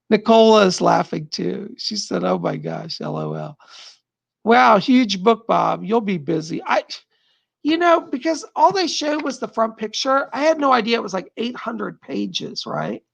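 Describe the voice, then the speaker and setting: A middle-aged psychic host, his voice strained, tired, and going, rambles and laughs frequently while reading viewer comments during a casual home live stream. His voice sits high and is very animated and slow, with vocal fry. The sound is lo-fi with no room sound.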